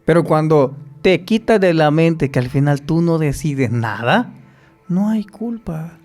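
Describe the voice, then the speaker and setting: A man's voice: fairly high pitch, a little slow, soft background music. A man telling stories as a podcast guest, acting out the voices of people he quotes. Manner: animated storyteller who acts out quoted voices. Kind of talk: storytelling in an interview.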